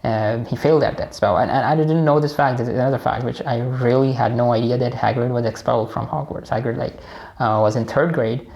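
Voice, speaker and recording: A man's voice: medium pitch, fairly even intonation, a little fast, vocal fry, darkish tone. A man with a Pakistani accent hosting a casual personal book analysis, rambling with many fillers and restarts. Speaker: book discussion host.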